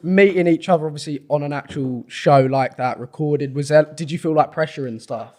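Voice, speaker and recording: A man's voice: on the high side, fairly quick, darkish tone. A man co-hosting a podcast, asking easygoing, playful questions in casual chat. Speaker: podcast co-host.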